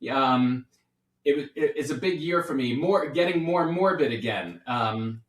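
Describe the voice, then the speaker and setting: Man in his 50s, doctor-host type, playful and rambling, mid-pitched, set back from the mic in a roomy space. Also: unhurried, far from the mic. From New York City. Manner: chatty, playful, rambling with restarts. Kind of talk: casual podcast chat.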